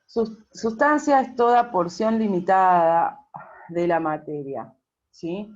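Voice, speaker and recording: A woman's voice: lowish voice, slow pace, darkish tone. A woman teacher explains a worksheet patiently, checking in often with the class. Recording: dull lo-fi recording.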